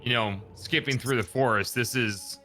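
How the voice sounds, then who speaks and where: Dude playing a tabletop rpg, sharp bright voice, talking casually, faint music. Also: male voice, mid-range voice, normal speed. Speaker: player in a tabletop game. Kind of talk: casual in-character game banter.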